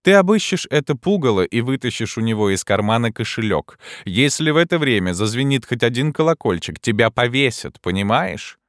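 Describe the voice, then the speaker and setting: Give me a mocking, bossy vagabond king, put on by a man reading aloud, loud and lifted. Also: medium pitch, big pitch swings, fairly quick, few pauses, dry recording, clean studio sound, pitched above the performer's own voice, close to an everyday voice. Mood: commanding. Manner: commanding, scornful.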